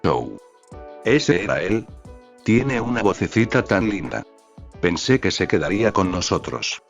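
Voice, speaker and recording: A man reads as a bubbly, enthusiastic husband with a low voice, eager and affectionate in every line. The storybook audio is a little dull, with faint music behind it. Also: sing-song, unhurried, vocal fry, heavily acted. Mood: doting. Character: cheerful affectionate adult man, excitable husband.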